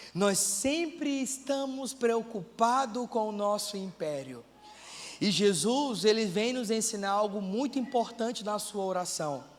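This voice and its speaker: A male pastor preaching a sermon with passion, moving from quiet talk to shouted prayer. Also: sits high, long reverb tail. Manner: impassioned, swings from quiet to shouting. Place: church.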